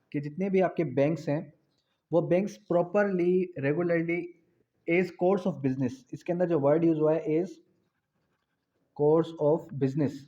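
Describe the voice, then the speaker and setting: Slightly high and warm, this Pakistani-accented man's voice teaches law, reading legal articles aloud and then explaining them. He repeats important phrases to drive points home, and the recording sounds dull and low-fidelity.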